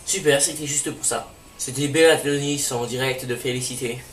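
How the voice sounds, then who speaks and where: A man's voice: mid-range voice, fairly even intonation, moderate pace, fairly bright tone. Brief: chatty let's play host, man, echoey room, set back from the mic. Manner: chatty, filler-heavy. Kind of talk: casual game commentary. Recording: roomy, distant mic, faint hiss.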